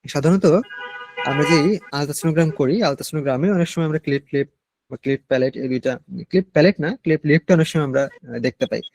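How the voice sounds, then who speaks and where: A Bangladeshi Bengali-accented man teaching a nursing class, explaining slowly and mixing in English medical terms. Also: a little high, vocal fry, a little mellow, a little hiss or hum. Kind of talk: online class lecture.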